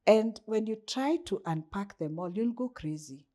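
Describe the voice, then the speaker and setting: With lively intonation and a warm tone, this Kenyan woman speaks in a mid-range voice at a moderate pace. A coach being interviewed, she reflects thoughtfully and questions herself rhetorically.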